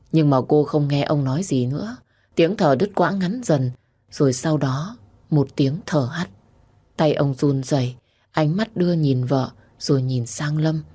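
Low-voiced woman narrating a story. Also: mellow. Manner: reads every character herself, rising to high-pitched cries for the grieving.

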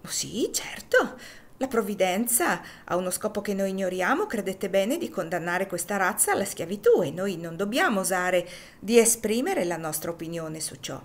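A woman's voice: medium pitch, very animated, moderate pace, close to an everyday voice. A woman reading the lines of a grave male clergyman who speaks solemnly. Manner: solemn, preaching.

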